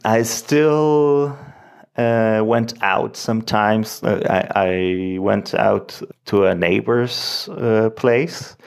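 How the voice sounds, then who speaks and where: A man's voice: lowish voice, very slow, vocal fry, clear, resonant tone. A young Chilean man whose first language is Spanish, a lawyer answering interview questions in a hesitant, thoughtful way. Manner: hesitant, restarts phrases, thoughtful.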